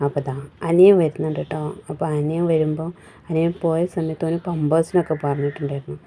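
Chatty mom in her 30s vlogging at home, deep mellow voice, got a cold. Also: level tone, fast talker. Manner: chatty, rambling, with frequent tag words. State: has a cold. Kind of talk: casual vlog narration.

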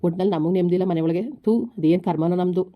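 A woman's voice: lowish voice, little pitch movement, racing, natural voice. A woman playing a harried husband caught between his wife and his mother, talking in an exasperated, scolding way in a village comedy skit. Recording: slightly dull lo-fi recording.

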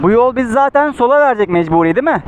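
A man's voice: extremely high pitch, animated, very fast. A man chatting casually from inside a helmet while riding a motorcycle, often asking short checking questions. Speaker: motorcycle vlogger. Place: outdoors, riding a motorcycle on city roads. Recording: noisy outdoor ride, engine and traffic.

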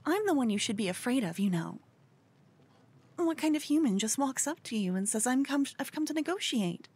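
Heavily acted, brisk and high-pitched with big pitch swings and a darkish tone, an ASMR voice performer portrays an obsessed, cute fangirl. She's nervous and defiant, stammering in a flustered, brazen way, breathy and repeatedly sinking into whispers.

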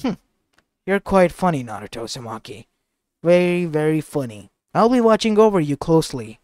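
A man voicing a stern, amused ancient earth goddess in a slow, measured way. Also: a little high, very animated, a little mellow, no echo, clean studio sound.

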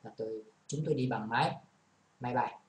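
A man's voice: mid-range voice, a little fast. A male English teacher with a Vietnamese accent, explaining a lesson patiently and mixing English examples into his talk. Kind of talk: classroom lesson. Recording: echoey room, faint background noise.

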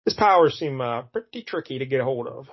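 A podcast co-host rambles casually about a comic book, full of fillers and chuckles. His mid-range voice is husky and animated, fairly quick, and the recording sounds muffled.

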